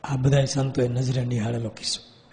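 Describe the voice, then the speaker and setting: A man preaching, telling a story in an animated way and acting out scenes. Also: mid-range voice, brisk. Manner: animated, acts out scenes with gestures. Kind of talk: sermon storytelling. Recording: long hall reverb.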